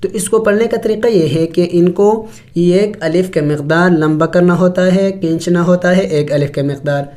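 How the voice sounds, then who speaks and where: A man with a Pakistani Urdu accent teaching Quran recitation with tajweed. He spells out letters and stretches syllables slowly, then explains the rules at a brisk clip. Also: high-pitched, darkish tone.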